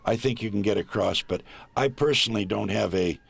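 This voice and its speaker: A man who is a volunteer reader, chatting easily in an interview and often pausing to find his words. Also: on the low side, gravelly, slightly rough. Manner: easygoing, halting with many pauses. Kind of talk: casual interview chat. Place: small recording booth.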